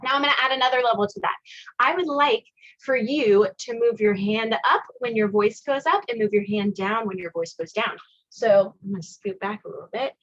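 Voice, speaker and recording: A woman's voice: on the high side, normal speed, a bit bright, muffled recording. Upbeat woman teaching solfege. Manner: upbeat, encouraging, sings solfege scales. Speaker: choir ear-training teacher. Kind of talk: online music class, sung demonstrations. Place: video call class.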